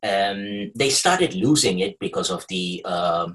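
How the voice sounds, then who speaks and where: This guest on a podcast, a researcher from Kuwait with a journalism degree, explains at length in a wandering, conversational way. His low-pitched voice is expressive and a bit bright, and he speaks slowly.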